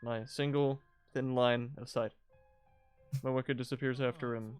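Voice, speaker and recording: A man with a mid-pitched voice reads out a visual novel as its let's play host. He mixes narration with joking commentary, and music plays faintly behind him. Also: level tone, unhurried, clean tone.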